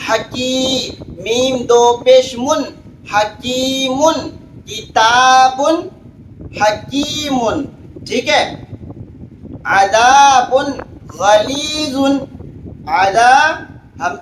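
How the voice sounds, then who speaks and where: A man's voice: very high voice, a bit bright. Man teaching Quran spelling, echoey room. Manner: slow drawn-out recitation between quick explanations. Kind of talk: spelling out Quranic words for learners. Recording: echoey room with faint background hiss.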